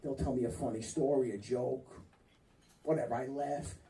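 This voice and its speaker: A man in his fifties works a comedy club stage with a rambling, profane stand-up set, cutting off hecklers along the way. His medium-pitched voice stays steady at normal speed through a handheld stage mic. The sound is roomy and the mic distant, with loud crowd laughter.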